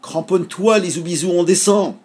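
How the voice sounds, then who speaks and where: A man voicing a cheerful, bossy seagull in a storybook reading, with a husky voice and a lively, exclaiming manner. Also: on the high side, moderate pace, pitched above the performer's own voice. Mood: excited.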